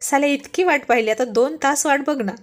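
An impatient young man pushing his friends to hurry up, as a woman narrator puts him on. His voice is pitched slightly high, and he sounds urgent throughout the story. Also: brisk, close to an everyday voice. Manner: impatient, urging.

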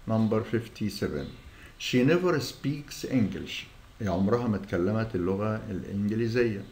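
A man with an Egyptian Arabic accent who teaches English in a revision lesson. He reads each English sentence slowly, then explains it quickly in Arabic. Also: fairly low pitch, a little mellow. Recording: echoey room with faint noise.

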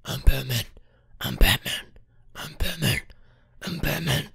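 A woman's voice: a bass voice, expressive, unhurried, a bit bright, pitched below the performer's own voice, exaggerated voice. A woman switching into an impression voice, playing a grim, menacing male masked vigilante with a growl. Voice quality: gravelly, growling. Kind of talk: character impression. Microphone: close desk studio microphone.

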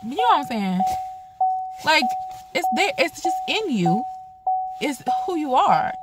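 A young woman with a Chicago accent, chatting casually to her phone camera from her car and repeating herself with quick laughs. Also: high-pitched, very animated, loud music behind the voice. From Chicago, USA. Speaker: vlogger. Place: inside a car, then arriving home.

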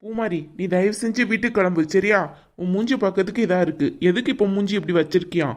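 A woman's voice: mid-range voice, quick pace, a little mellow, natural voice. A woman voicing an irritable young man in a cartoon, with a Kanyakumari Tamil accent and a curt, scolding manner. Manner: scolding, impatient. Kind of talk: cartoon voice acting.

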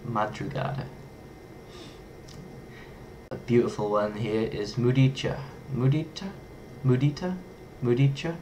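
A young adult man with an English accent, from England, vlogs casually to his webcam in a small bedroom. His medium-pitched voice is a little slow, with long pauses, against slight background noise. His manner is playful and lively, and he toys with foreign words.

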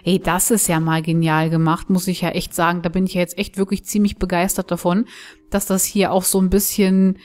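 A woman's voice: fairly low pitch, little pitch movement, brisk, a little mellow. A woman giving chatty, enthusiastic commentary while playing a video game and thinking aloud. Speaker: let's play host. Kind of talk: casual gameplay commentary.

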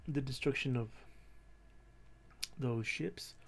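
Quiet but clear man, casual and hesitant. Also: takes it slowly, slight background noise. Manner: quiet, low-voiced but clear, holding volume down; hesitant, thinking aloud with repeated phrases. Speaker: host of a reaction and discussion video. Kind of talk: casual unscripted commentary to camera. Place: small bedroom in an apartment.

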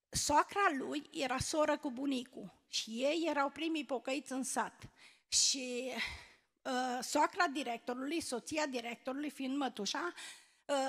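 A middle-aged woman, her voice pitched high, tells her testimony earnestly and haltingly, stopping often to search for words. Her voice rings out with the long reverb of a church hall. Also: fairly bright tone. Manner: earnest, hesitant with many pauses and fillers. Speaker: church member giving testimony.

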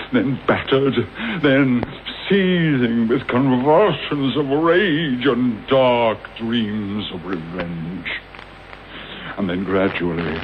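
An actor playing a bitter, vengeful middle-aged English doctor in a British radio drama, theatrical and sardonic, with deliberate articulate delivery. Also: male voice, on the low side. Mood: seething, brooding. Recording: dull, noisy old radio broadcast copy.

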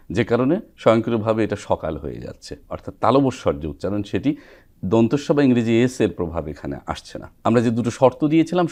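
A man, a recitation trainer explaining pronunciation rules, pausing to sound out example words. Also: on the low side, a little mellow. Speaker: recitation trainer, guest expert. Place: television studio.

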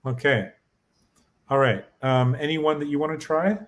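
A man's voice: a little high, steady tone, unhurried. A man in a casual language lesson, taking the learner's part. He tries out new sentences with some hesitation and keeps checking with his teacher through questions.

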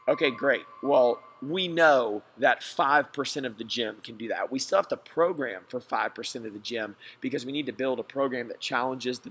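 A man's voice: mid-range voice, fairly bright tone, slight background noise. A man, a gym coach, giving a slideshow lesson in a plain, reassuring way.

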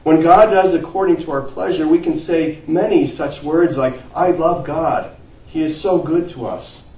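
Male pastor, mellow tone, earnest sermon delivery, recorded from a distance in an echoey church. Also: fairly high pitch, steady tone, unhurried. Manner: earnest preaching, rising to emphatic peaks and dropping to quiet phrase ends. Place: church sanctuary.

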